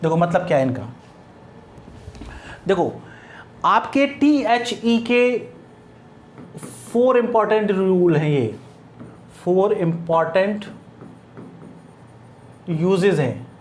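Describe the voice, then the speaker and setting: Brief: male grammar teacher, patient and repetitive, asks then answers, dictates examples slowly. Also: sits high, big pitch swings, a little hiss or hum. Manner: repeats points, asks and answers his own questions; dictates example sentences word by word. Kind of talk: classroom-style grammar lesson.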